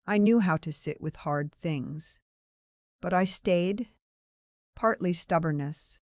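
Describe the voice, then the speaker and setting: A woman in her sixties telling her own story in scripted first-person narration, calm and understated. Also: deep voice, no room sound, studio quality. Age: 60s.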